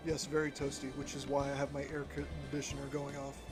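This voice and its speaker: A man recording his casual gameplay commentary from under a blanket at home, rambling and halting with many fillers. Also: mid-range voice, monotone, music in the background. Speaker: let's play gamer.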